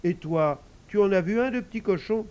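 A man's voice: high voice, a little fast, dull audio, pitched above the performer's own voice, natural voice. A man doing an evasive little girl. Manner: evasive, energetic. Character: guilty little girl, sister, spirited.

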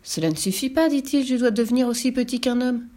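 Naive storybook giant, earnest and pleading, a bit high, as a woman reads him. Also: quick pace, dark tone, natural voice. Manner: earnest, pleading, sometimes desperate. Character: huge lovesick male giant, naive and polite.

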